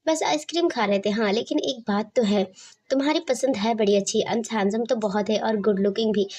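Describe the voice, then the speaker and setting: A woman voicing a gentle, playfully teasing young married woman in a spoken romance story. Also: fairly high pitch, fairly quick, husky.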